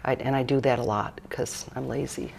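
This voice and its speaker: Low-voiced woman, easygoing cookbook author demoing dishes, rambly and joking; slight background hiss. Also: steady tone, normal speed, vocal fry, a little mellow. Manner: chatty, rambling, with fillers and jokes. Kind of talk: casual cooking demonstration chat.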